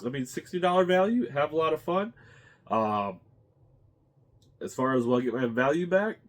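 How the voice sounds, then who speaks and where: A congested man hosting his own channel, rambling casually as he thinks out loud. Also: a little high, animated, normal speed. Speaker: channel host. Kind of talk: casual unboxing chat.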